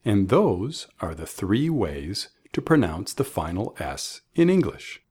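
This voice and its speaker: A man teaching English pronunciation in a bilingual lesson, modeling each word slowly and contrasting wrong and right versions. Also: fairly low pitch, sing-song, a little mellow. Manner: slow, deliberate, models words by contrast. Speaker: language teacher.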